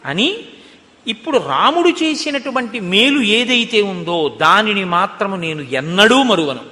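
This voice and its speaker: High, bright-voiced man giving a religious discourse. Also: unhurried, long reverb tail. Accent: Telugu. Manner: storytelling, animated, asks listeners rhetorical questions. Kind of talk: Telugu Ramayana discourse.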